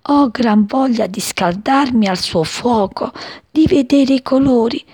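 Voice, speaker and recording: A woman voicing a wounded little female sparrow in a children's story, high and pleading. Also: measured pace, darkish tone, slightly rough, no room sound. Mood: longing.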